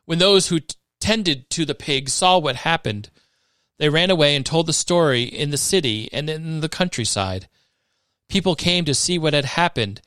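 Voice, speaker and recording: A man giving a measured, expressive scripted reading of scripture for a podcast. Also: a little high, no room sound, clean studio sound. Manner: measured, expressive reading that rises for dramatic moments. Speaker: scripture reader.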